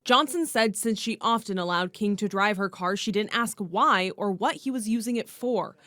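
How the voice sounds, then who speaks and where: A woman's voice: medium pitch, normal speed, fairly bright tone, dry recording. An American woman reading scripted broadcast news narration as a reporter.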